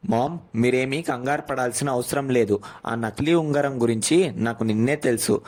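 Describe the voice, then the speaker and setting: A man voicing a young husband who speaks calmly and firmly, protective of his wife. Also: medium pitch, moderate pace, close to an everyday voice.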